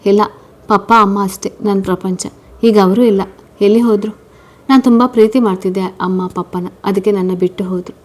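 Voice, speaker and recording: A woman's voice: medium pitch, fairly even intonation, brisk, a little mellow, lightly acted. A woman playing a wistful young wife. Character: sad gentle young married woman.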